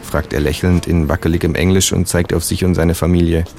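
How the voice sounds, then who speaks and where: A man reading out his own comic story in a deadpan, matter-of-fact way. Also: deep voice, brisk, noisy background.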